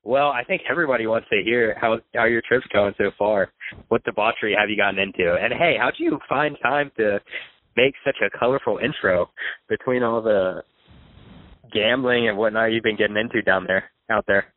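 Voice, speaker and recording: A man's voice: on the low side, normal speed. A man hosting a casual podcast chat, asking easygoing questions to keep his guest talking. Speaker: podcast host. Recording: tinny phone line.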